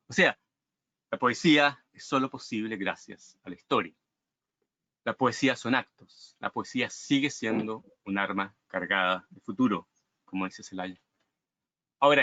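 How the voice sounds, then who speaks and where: A man's voice: mid-range voice, sharp tone, dry recording, highs cut off. A man reading prepared commentary on a book in a formal, literary way, asking rhetorical questions.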